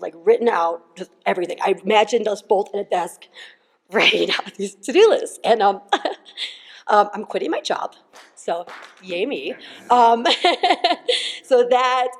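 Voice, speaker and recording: Shaky young woman, gravelly, in a hall. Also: mid-range voice, darkish tone. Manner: tearful, laughing, halting with many fillers. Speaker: retreat participant. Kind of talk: emotional personal testimony. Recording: long hall reverb.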